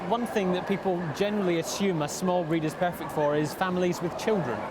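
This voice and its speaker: A high-voiced male TV presenter puts friendly, prompting questions to his guests. The outdoor recording carries clear traffic and ambient noise. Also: fairly even intonation, a little fast. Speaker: television show presenter. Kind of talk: interview questions. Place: outdoors at a dog show.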